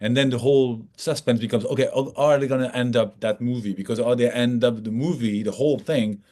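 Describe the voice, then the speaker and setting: A native French speaker from France, this man answers as a filmmaker in a casual, colloquial English interview, explaining things and acting out hypothetical remarks. His mid-range voice has a fairly even intonation and a dark tone, and he talks a little fast.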